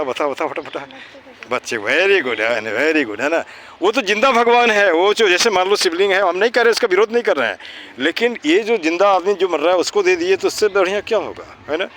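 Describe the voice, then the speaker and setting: There is a little hiss or hum behind this man's slightly high, somewhat bright voice. Teaching children English pronunciation outdoors in an Indian English accent, he asks and answers his own questions and keeps checking in with "है ना."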